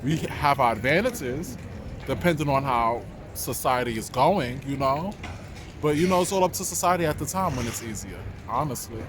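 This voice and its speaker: Male interviewee, New York accent, casual and reflective, mid-pitched voice, recorded outdoors with clear city noise. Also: expressive, moderate pace. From New York, United States. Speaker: interviewee, dancer and actor.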